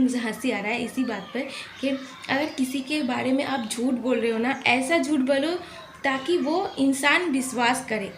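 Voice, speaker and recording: Woman, young, chatty storytelling, a bit high voice. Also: a bit bright, a little hiss or hum. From West Bengal, India. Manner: chatty, earnest, rambling with pauses. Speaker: vlogger. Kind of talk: casual storytelling vlog.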